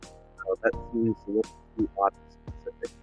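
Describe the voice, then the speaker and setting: A man's voice: lowish voice, big pitch swings, a little fast, soft background music, low-quality recording. A man co-hosting a casual chat over a remote call, his audio glitching and cutting out. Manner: laughing, rambling with fillers. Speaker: podcast co-host. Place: someone else's house.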